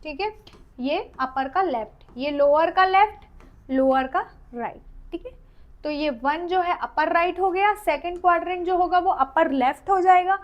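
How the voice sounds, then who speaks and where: A woman with an Indian accent gives an exam-oriented dental lecture in a very high voice. She reads English definitions slowly, then explains them in Hindi with questions to her students. While counting teeth she drops to a soft murmur. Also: muffled recording. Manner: counts teeth aloud while drawing, trailing off softly.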